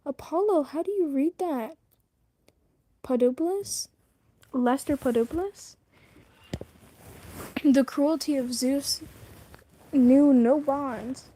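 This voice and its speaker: A woman's voice: sits high, slow pace, mellow, a little hiss or hum. A woman streaming herself reading a novel aloud. She stumbles over words and stops to comment on the story. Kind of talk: casual read-aloud on a livestream.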